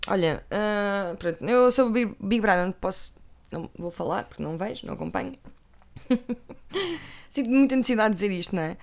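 A woman with a European Portuguese accent talks casually to her viewers, mid-pitched and easygoing. She rambles, doubles back on her words and drops little asides as she goes. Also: expressive, fairly quick, vocal fry, long pauses. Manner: chatty, rambling, self-interrupting with asides. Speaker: vlogger. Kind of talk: casual chat about TV.

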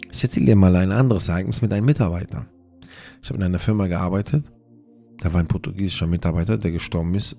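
A man's voice: deep voice, mellow. A man hosting a religious audio series, giving earnest, repetitive advice in an informal way and mixing in Arabic religious phrases.

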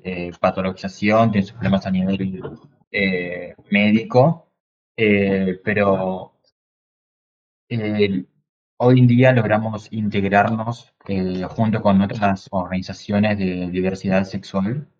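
Man in his twenties, hesitant with pauses, slow, dull lo-fi audio. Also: lowish voice, fairly even intonation. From Argentina. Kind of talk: casual video-call panel. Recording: muffled lo-fi call audio.

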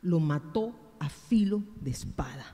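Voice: mid-range voice, lively intonation, measured pace, dark tone, in a large hall. A preacher delivering a sermon, speaking directly and emphatically to the congregation as brothers and sisters.

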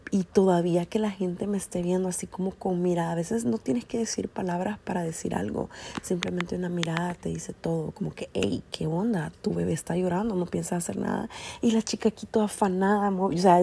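A woman's voice: fairly low pitch, creaky, mellow, husky. A young woman, a mother, telling a story in an earnest, indignant way. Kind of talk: casual vlog monologue.

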